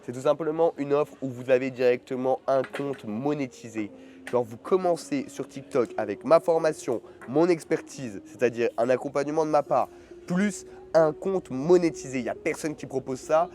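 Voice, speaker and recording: With a mellow, mid-range voice at a moderate pace, a man casually addresses his followers in a travel vlog. His speech is informal and slangy, with phrases repeated for emphasis; he's a vlogger and online course seller, recorded with noisy location sound.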